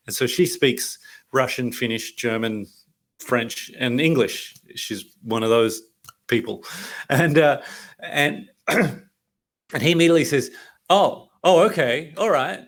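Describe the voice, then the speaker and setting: A man's voice: mid-range voice, a bit bright. An Australian man presenting a leadership workshop over a video call, chatty and anecdotal, often laughing. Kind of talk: interactive online workshop talk.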